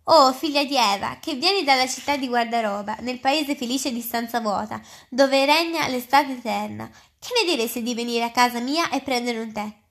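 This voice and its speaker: A woman's voice: fairly high pitch, lively intonation, normal speed, a bit bright. A fussy, courteous faun, read by a woman. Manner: courteous, eager, slightly flustered. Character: polite, fussy male faun, gentle and nervous. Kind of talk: reading aloud.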